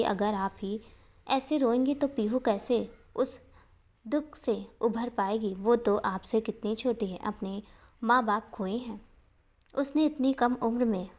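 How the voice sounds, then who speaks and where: A gentle, caring young husband speaks softly and kindly, as a woman storyteller voices him. He coaxes and reassures, with no harshness in his tone. It comes across as a storybook figure. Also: a little high, lightly acted. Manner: soft coaxing, speaking kindly to a child.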